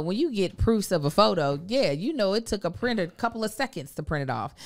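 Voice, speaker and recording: A woman's voice: mid-range voice, darkish tone. A woman in her thirties, a podcast co-host giving a conversational ad read into a close studio microphone. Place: small indoor studio. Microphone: close desk podcast microphone.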